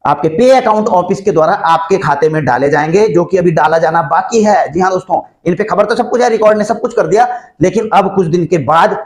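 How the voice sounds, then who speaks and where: A man's voice: high voice, fairly quick. A man hosting an online channel, explaining rules to viewers in a chatty, conversational way, often calling them friends. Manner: chatty, addresses viewers as friends, frequent fillers and restarts. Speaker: YouTube channel host explaining army pension rules.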